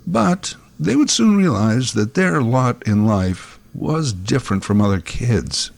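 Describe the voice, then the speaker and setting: A man's voice: medium pitch, expressive, a little slow, gravelly, no room sound. A man giving scripted documentary narration in a conversational way, recorded on a close microphone.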